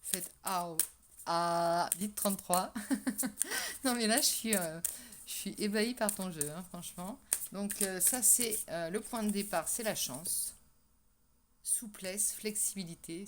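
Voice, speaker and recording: Lady doing a chatty tarot reading, lots of euh and restarts, lowish voice, faint hiss behind. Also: moderate pace. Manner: chatty, hesitant with many fillers and restarts, laughs often. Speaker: tarot reader. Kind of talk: casual tarot reading to camera. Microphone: microphone that keeps falling.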